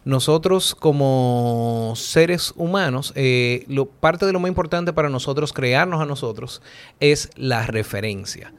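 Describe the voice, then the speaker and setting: A Dominican man with a Dominican accent joins a casual philosophical chat as a guest, thinking aloud with plenty of fillers and "¿tú entiendes?" asides. His voice is medium-pitched and clean in tone, with lively intonation at a measured pace.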